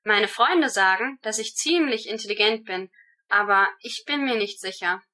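A woman giving rehearsed answers to German speaking-exam questions in a steady, measured way. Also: mid-range voice.

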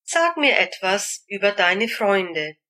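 A woman asking short speaking-exam questions, each one deliberate and clearly spaced. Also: mid-range voice, very animated, bright, forceful tone. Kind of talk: slow, clear exam prompts.

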